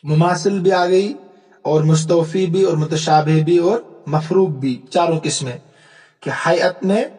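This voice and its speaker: A man teaching Arabic rhetoric in a classroom-style lecture, explaining step by step, checking that students follow, and reciting verse slowly. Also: on the high side, darkish tone. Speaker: religious teacher.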